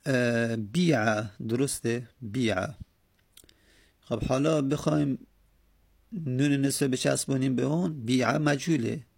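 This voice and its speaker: A man teaching a grammar lesson, patiently reciting verb forms in steady repeated drills. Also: mid-range voice, creaky, slightly rough. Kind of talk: grammar lecture with recited conjugations.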